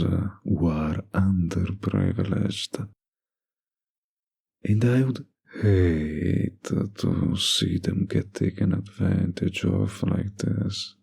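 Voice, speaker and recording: A voice actor plays a smug, dominant mafia boss in an intimate ASMR roleplay. His deep, gravelly, husky voice carries a dark tone and a suggestive, deliberate drawl, and the delivery is heavily acted.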